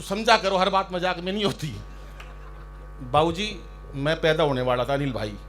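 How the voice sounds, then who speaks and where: A man performing as a comic poet on stage, ribbing fellow poets and telling jokey stories in a loud, teasing manner. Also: medium pitch, background noise. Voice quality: loud, ribbing, storytelling with mock shouts. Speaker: stand-up poet. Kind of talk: humorous poetry recital banter. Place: outdoor stage by a river.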